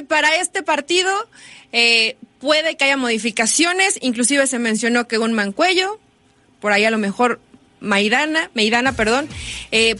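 A woman fires quick, skeptical retorts in a sports debate. Her voice is high and bright. The sound is dry and close. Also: no echo. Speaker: sports panelist. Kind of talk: heated sports talk debate. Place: broadcast studio.

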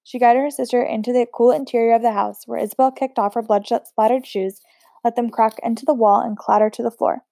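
Woman reading a novel aloud, mellow and dry. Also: a little high, brisk, gravelly, no echo. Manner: steady, unpolished reading with occasional slips and restarts. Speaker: audiobook reader.

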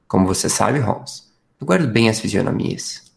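A man's voice: fairly low pitch, expressive, normal speed, vocal fry. A man playing a detective's earnest, impressionable companion in a radio drama, recounting findings expressively. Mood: intent, convinced.

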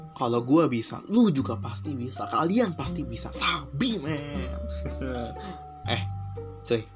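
Behind this podcast host, plucked guitar music plays clearly as he speaks casually, sincere and full of slang, mixing in English phrases here and there. His voice sits at a normal middle pitch.

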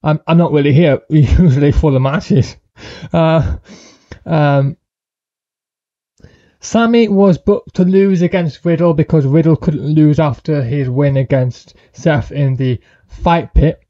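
A man's voice: on the high side, slow, no echo, lo-fi sound. A male guest co-host giving rambling opinions on wrestling storylines, with frequent hesitations. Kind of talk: casual wrestling review podcast.

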